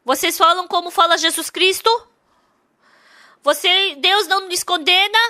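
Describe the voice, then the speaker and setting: A woman's voice: very high-pitched, a little slow, pushed and bright, no echo, studio quality. A woman interprets a sermon. She speaks emphatically, repeats her points and asks the congregation many rhetorical questions.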